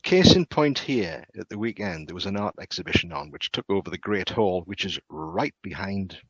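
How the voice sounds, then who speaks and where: A man speaking as a castle guide in casual storytelling, halting and repeating words with lots of ums. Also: low voice, lively intonation, fairly bright tone, husky, dry recording. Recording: muffled lo-fi sound.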